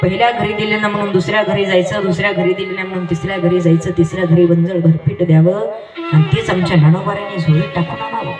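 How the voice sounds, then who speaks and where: A man's voice: high-pitched, flat delivery, fast. An emphatic male preacher delivering a devotional sermon in a sing-song, repeating cadence. His voice rings through an echoey room, with live music playing behind him. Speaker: kirtan preacher.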